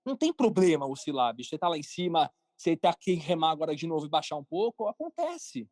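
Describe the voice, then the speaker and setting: This cartoon creator and entrepreneur, a man with a Brazilian Portuguese accent, chats emphatically as a podcast guest, repeating phrases often to hammer points home. His voice is a little high and slightly mellow, sing-song, and he talks fast. It's a dry, clean studio recording of casual interview talk.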